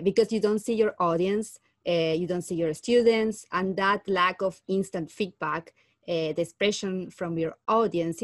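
A woman from Argentina speaks as a guest in a podcast interview. Her voice sits on the low side. She answers thoughtfully and often pauses on "uh" between phrases. The sound is dry and close. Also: no echo. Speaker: learning technology specialist, guest.

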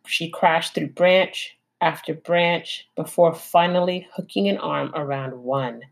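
A woman, a teacher, reading a novel aloud in a gentle, expressive way and adding her own comments. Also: low-pitched, vocal fry, slightly rough, poor audio. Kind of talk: read-aloud storytelling.

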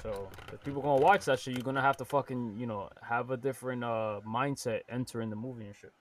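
A young man co-hosting a casual podcast chat, ranting in an animated, exasperated way with lots of swearing. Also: mid-range voice, fast, distant mic, a little hiss or hum. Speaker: podcast co-host.

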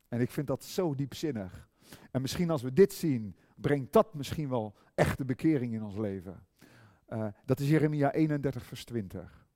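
A middle-aged man preaches at a medium pitch. He shifts between loud, emphatic stresses and quiet, tender passages. He often slows right down to draw out a single word. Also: no echo, studio quality. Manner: dynamic, swinging from loud emphasis to hushed tenderness; slow, drawn-out stress on key words. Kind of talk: sermon.

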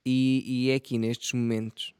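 A young man with a European Portuguese accent talks alone into the mic for his podcast, rambling and mocking himself in slang full of swearing. His voice sits at an everyday middle pitch. The sound is close and dry, with no room echo. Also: flat delivery, unhurried, darkish tone, smooth. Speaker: podcast host. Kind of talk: casual solo podcast monologue.

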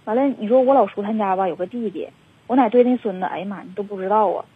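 Husky fast-talking Northeastern Mandarin woman. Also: medium pitch. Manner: rambling, many fillers, upset. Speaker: caller. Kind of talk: phone-in confession. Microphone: telephone. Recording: tinny dry phone line.

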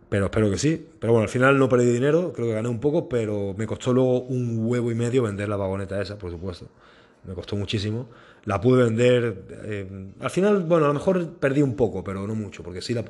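Casual rambling man, low voice. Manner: rambling, animated, swears freely, mimics engine sounds. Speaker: podcaster telling personal stories. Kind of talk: casual storytelling monologue.

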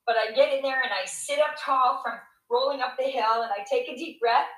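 A middle-aged woman from Canada, a motivational speaker telling a personal story in conversation, animated and often checking in with "right?". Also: brisk, echoey room, poor audio. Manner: animated, acts out quoted voices with big pitch jumps, frequent "right?".

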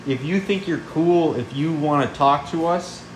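A man's voice: fairly high pitch, moderate pace. A young man co-hosting a podcast in casual chat, rambling and laid-back, with lots of fillers. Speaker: podcast co-host. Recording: echoey room with faint noise.

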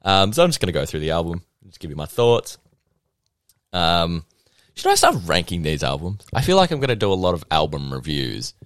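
Young male music reviewer with a deep voice; loose, chatty, self-mocking delivery full of fillers. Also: very animated, brisk, no echo, studio quality. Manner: chatty, rambling, self-deprecating, lots of ums and likes. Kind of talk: casual album review monologue.

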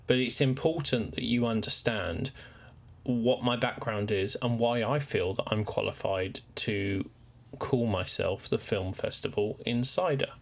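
A man's voice: on the low side, unhurried, creaky. A man with an English West Country accent talking alone as a podcast host, explaining things to listeners. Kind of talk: solo podcast talk, explanatory.

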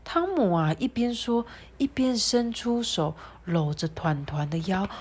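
Woman storyteller, gentle and sing-song, children's story reading, lively voice. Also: medium pitch, unhurried, a little hiss or hum.

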